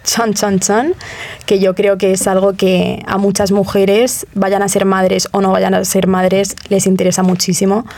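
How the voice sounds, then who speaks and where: A woman host with a mellow tone asks her guest gentle, guiding questions. Her voice is close and dry, and she keeps the talk easy and encouraging. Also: mid-range voice, flat delivery, unhurried, no room sound. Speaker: podcast host interviewer. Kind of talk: casual interview.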